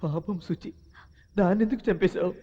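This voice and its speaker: An actor playing a lovesick, volatile young hero in a dubbed film drama, talking with emotional intensity. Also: male voice, sits high, fairly quick, dark tone, slightly rough, highs cut off. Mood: tender. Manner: emotional and intense, swinging between pleading and mocking.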